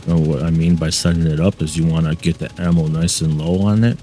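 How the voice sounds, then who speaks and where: A man's voice: a bass voice, fairly even intonation, brisk, mellow, a little hiss or hum. A man hosting a gaming channel, giving playful gameplay commentary and repeating his catchphrases, recorded at a desk mic in a home gaming setup.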